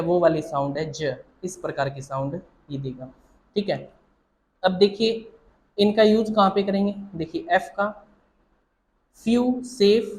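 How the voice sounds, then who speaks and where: A man's voice: high-pitched, low-quality recording. A man teaching shorthand, explaining each point step by step, repeating himself and quizzing the listener.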